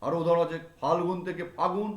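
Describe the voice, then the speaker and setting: A man's voice: fairly high pitch, quick pace, highs cut off. A male teacher giving a classroom grammar lesson, repeating example words over and over to drill them in. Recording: echoey room.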